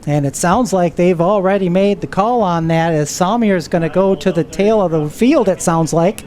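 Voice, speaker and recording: A woman with a lowish voice calls a stock car race live as a trackside announcer, speaking at a moderate pace. Race cars and loud trackside noise roar behind her.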